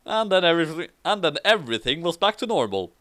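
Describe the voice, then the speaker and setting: A very animated, fast, slightly bright medium-pitched voice reads fan fiction aloud. The person performs it as a dramatic amateur reading, commenting casually in a theatrical, mock-serious manner.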